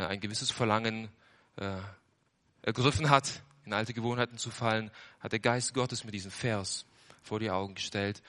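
A young man gives his testimony as an earnest sermon, his tone bright and forceful. He swings from loud surges down to hushed lows and leans on repeated phrases for emphasis.

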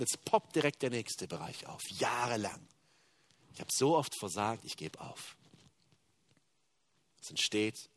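A man preaching a sermon, moving between hushed, confessional passages and loud, emphatic declarations. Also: mid-range voice, no echo.

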